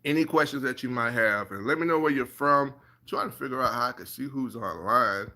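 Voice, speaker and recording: A man's voice: medium pitch, fairly quick, sharp tone. A man coaching viewers in a casual live stream, encouraging and repetitive, often checking in with his audience. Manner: encouraging, repeats "all right" and "you guys". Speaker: passive income coach.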